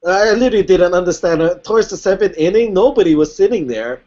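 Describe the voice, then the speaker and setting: A man's voice: high voice, lively intonation, fast, a little mellow, muffled recording. A man telling a story in a casual podcast chat, hesitant and full of "um" and "uh". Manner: hesitant, full of "um" and "uh", laughs between words.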